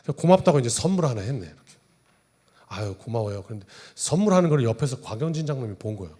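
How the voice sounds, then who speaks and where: A man's voice: mid-range voice, sing-song, rapid-fire, warm tone, husky. A male pastor preaching a sermon in a church, talking conversationally and joking with the congregation through role-play. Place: church sanctuary.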